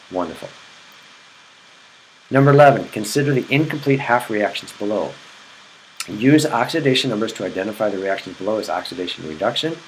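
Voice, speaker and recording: Low-voiced man teaching chemistry. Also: a little hiss or hum, rough recording. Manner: repetitive, checks in with "okay?". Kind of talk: recorded classroom lecture.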